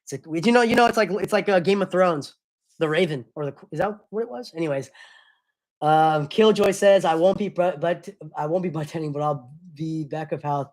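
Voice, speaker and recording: A man's voice: a little high, brisk. Rambling young man chatting on stream. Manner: loose, rambling, apologetic, slangy. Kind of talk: casual live-stream chat.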